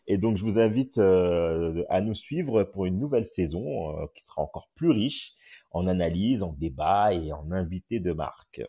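A man's voice: low-pitched, animated, moderate pace, breathy edge, lo-fi sound. A man hosting a casual live podcast room as a journalist, talking with lots of hesitant filler sounds over a phone mic on an audio app. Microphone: phone on an audio chat app.

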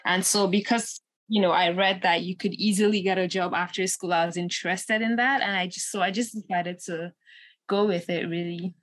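Nigerian-born young woman, low dry voice. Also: moderate pace, no room sound. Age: 20s. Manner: relaxed, many fillers like "you know". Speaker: entrepreneur guest. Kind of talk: casual interview answers.

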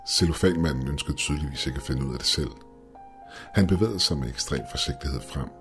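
Very deep male narrator for horror story, grim, measured, soft music under. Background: faint music.

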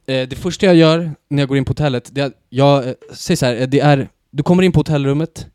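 A man co-hosting a casual podcast, telling an anecdote in an animated way that builds to loud excitement. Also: medium pitch, smooth, no room sound, clean studio sound. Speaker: podcast co-host. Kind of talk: casual storytelling.

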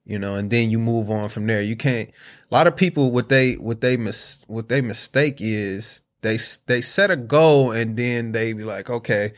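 A young American man chatting casually in slang, haltingly repeating himself as he works through his thoughts. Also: medium pitch. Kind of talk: casual chat.

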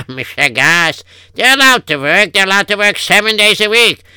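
A man's voice: high-pitched, sing-song, a little slow, pushed and bright, smooth, no room sound, studio quality, full character voice. A man playing a fretful Yiddish-accented husband. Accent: Yiddish-inflected English. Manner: kvetching, sighing oy vey. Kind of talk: improvised comic radio story.

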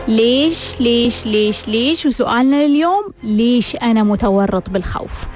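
A woman's voice: on the high side, lively intonation, normal speed, darkish tone, soft background music. A woman hosting a self-help radio talk, asking rhetorical questions and repeating them for emphasis. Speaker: radio host.

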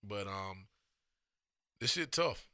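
A man co-hosting a podcast, talking in loose, profane, animated banter while he has the hiccups. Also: lowish voice, slow pace, no room sound, clean studio sound. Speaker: podcast co-host. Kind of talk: casual chat.

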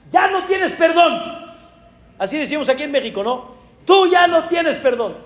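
A man with a Mexican accent, a rabbi telling a story in a sermon with animated, dramatic exclamations. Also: very high voice, creaky, reverberant, long reverb tail.

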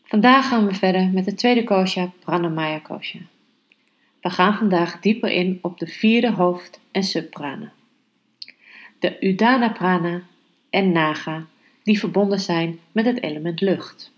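A woman hosting a yoga podcast, teaching calmly and guiding meditation in a measured, unhurried way. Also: lowish voice, low-quality recording. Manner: slow, measured, unhurried delivery with pauses. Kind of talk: calm instructional podcast and guided meditation.

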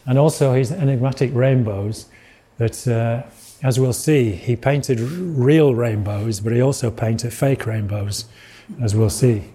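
A man's voice: mid-range voice, a little slow, mellow, slightly rough. A middle-aged man with a Yorkshire accent giving an illustrated lecture, rambling with restarts and asides.

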